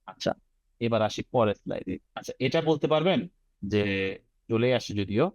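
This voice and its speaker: A man's voice: lowish voice, lively intonation, moderate pace, dry recording. A man with a Bangladeshi accent teaching an online IELTS class, breaking words into sounds and having students repeat them. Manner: drills words syllable by syllable, mixing English phrases into his explanations.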